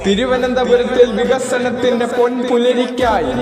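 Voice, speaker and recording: High-voiced man announcing over a loudspeaker. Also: steady tone, measured pace. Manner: declamatory, emphatic appeal. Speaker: campaign announcer. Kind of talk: election campaign announcement. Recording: echoey hall reverb with loud music and crowd.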